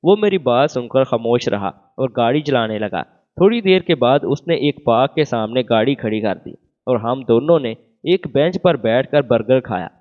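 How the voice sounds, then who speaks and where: A man reading a romantic first-person story as scripted narration, voicing every part in the same even voice. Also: medium pitch. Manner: reads all parts in one even voice. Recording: phone-like narrow band.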